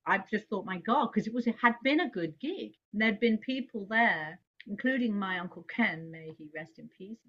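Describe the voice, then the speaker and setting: Woman from England, animated storyteller, laughs a lot, slightly dull lo-fi sound. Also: mid-range voice. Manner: animated, laughing, voice jumps up when quoting herself. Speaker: jazz singer, guest. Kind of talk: casual storytelling interview.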